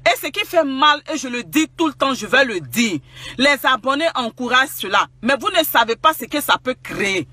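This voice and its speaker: High, piercing Ivorian man ranting. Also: pushed and bright. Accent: Ivorian French. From Côte d'Ivoire. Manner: scolding, repetitive, preachy. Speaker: social media commentator. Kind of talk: angry rant to online followers.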